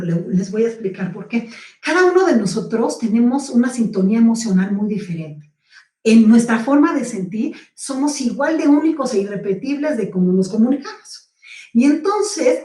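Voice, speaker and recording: A middle-aged woman lectures on personal development in a fairly high voice. She explains patiently and keeps checking in with her listeners. Her voice sounds roomy and set back from the microphone. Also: a little mellow. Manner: explanatory, addresses audience with frequent check-ins. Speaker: speaker on communication. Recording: roomy, distant from the mic.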